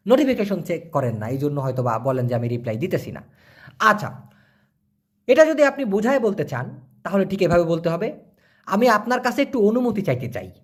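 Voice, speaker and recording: In a relaxed spoken lesson, a high-voiced man responds to questions from viewers and says words again slowly so learners can follow.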